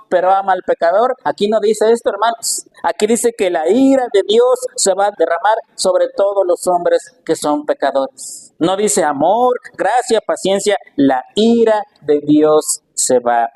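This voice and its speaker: A man's voice: high-pitched, a little slow, darkish tone, rough recording. A man with a Mexican Spanish accent preaching a sermon as pastor, asking rhetorical questions and calling his listeners brothers.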